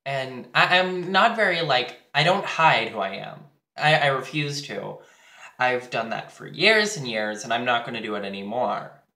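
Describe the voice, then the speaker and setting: A man's voice: medium pitch, expressive, normal speed, vocal fry, sharp tone. A teenage boy vlogging casually while getting ready, candid and crude, with plenty of fillers. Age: teens. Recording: echoey room.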